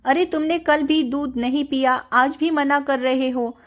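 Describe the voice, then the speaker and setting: A woman voicing a young mother who is quick to scold, in a storybook reading. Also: high-pitched, steady tone.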